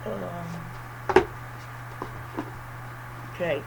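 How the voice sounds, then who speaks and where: A book reviewer chatting casually with a lisp and whistling s from missing teeth, halting often and repeating phrases. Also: mid-range voice, little pitch movement, vocal fry, a little hiss or hum, low-quality recording.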